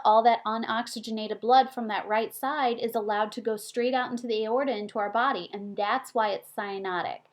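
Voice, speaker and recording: A woman giving a recorded nursing lecture, explaining in a chatty, animated way and asking the class rhetorical questions. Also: medium pitch.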